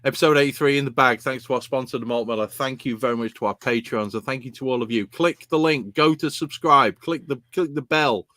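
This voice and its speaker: Male podcast host, boisterous and sweary, dry close recording, mid-pitched. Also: brisk, few pauses, sharp tone, no room sound. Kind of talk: casual chat, sweary sign-off.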